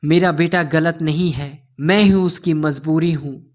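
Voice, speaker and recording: A man's voice: fairly high pitch, fairly even intonation, a little slow, lightly acted. A man playing a weak, sick mother. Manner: weak and tender.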